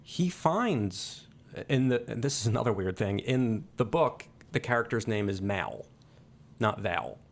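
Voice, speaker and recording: A man's voice: on the low side, big pitch swings, measured pace, vocal fry. A man co-hosting a podcast, talking casually about movies, thoughtful and hesitant with many fillers. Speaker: podcast co-host. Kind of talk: casual film discussion.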